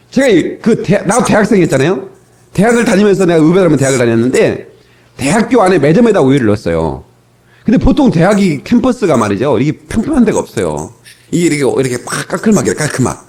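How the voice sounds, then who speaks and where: Man, pastor, sermon, old cassette tape, high voice, rhetorical questions to the congregation. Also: darkish tone. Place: church sanctuary.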